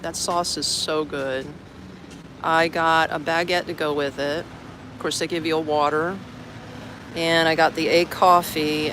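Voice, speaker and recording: An expat originally from Orlando, Florida, United States, chats casually on a livestream from an outdoor garden café in a medium-pitched voice. He rambles, using "like" and "man" a lot. Traffic noise and outdoor ambience fill the background.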